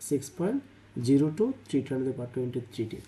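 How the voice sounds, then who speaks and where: A man's voice: mid-range voice, lively intonation, brisk, dark tone. A male chemistry tutor working through exam problems step by step, asking and answering his own questions and mixing English terms and numbers into his speech. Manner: thinks aloud, asks and answers own questions, "তাই না?" checks. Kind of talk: exam-prep lesson, working problems aloud.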